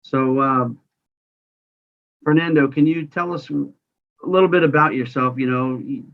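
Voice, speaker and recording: A man's voice: medium pitch, a little slow, creaky. Casual man hosting, dull lo-fi sound. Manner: informal, rambling, many fillers. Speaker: podcast host. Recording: slightly dull lo-fi audio.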